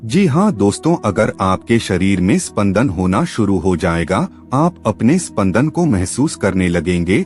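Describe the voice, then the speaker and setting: A man's voice: on the low side, a little mellow. A man giving scripted devotional voice-over, earnestly instructing listeners and calling them friends. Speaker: spiritual channel narrator.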